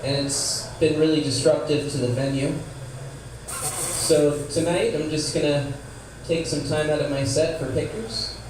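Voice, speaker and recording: A man's voice: fairly high pitch, a little slow. A man performing a stand-up comedy set, delivering short jokes to a live venue. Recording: echoey room, distant mic, noisy.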